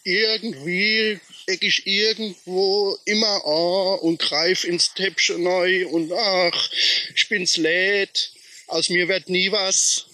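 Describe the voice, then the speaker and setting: A man voicing a small, dejected young man who talks slowly and whines. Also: sits high, fairly even intonation, bright, forceful tone, voice pushed up, full character voice. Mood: self-pitying. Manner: whiny, slow and mopey.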